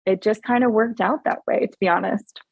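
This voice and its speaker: A woman in her forties from Hawaii speaks as a guest on a podcast. She tells her story in an earnest, upbeat manner and laughs often. Her voice sits at a middling pitch, and the recording is dry and close. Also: steady tone, brisk, gravelly, husky, no room sound. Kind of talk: casual interview chat.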